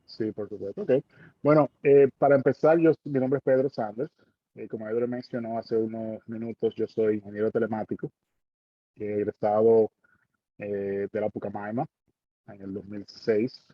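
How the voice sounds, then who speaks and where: A man's voice: fairly low pitch, fairly even intonation, moderate pace, dry recording, muffled recording. A man in his forties with a Dominican accent, speaking as a guest in an online panel talk, hesitant with many fillers and tag questions. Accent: Dominican Spanish. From Dominican Republic.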